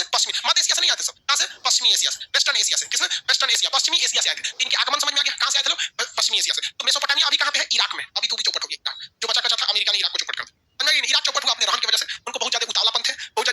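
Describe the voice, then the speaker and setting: A male teacher with a Bihari Hindi accent, lecturing a class rapidly and animatedly, asking questions and answering them himself. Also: very high-pitched, pushed and bright. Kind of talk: classroom lecture with call-and-response.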